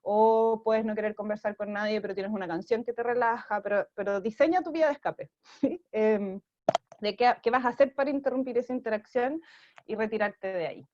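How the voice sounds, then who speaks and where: A woman's voice: on the high side, brisk, muffled recording. A woman with a Chilean accent, a parenting program director, giving parenting advice in an interview, explaining with many fillers and checking in with "¿sí?".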